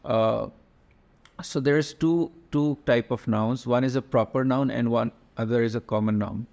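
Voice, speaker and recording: A man's voice: medium pitch, fairly even intonation, moderate pace, gravelly, darkish tone, highs cut off. A man teaching a slide-based lesson, explaining step by step with lots of fillers and restarts. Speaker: language teacher.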